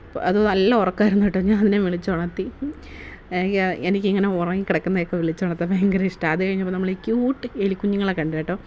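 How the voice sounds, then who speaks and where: A woman's voice: medium pitch, fairly even intonation, racing, a little mellow, muffled recording, slight background noise. A woman narrating her family day-out vlog in a casual, chatty way, often asking viewers to comment. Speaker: vlogger.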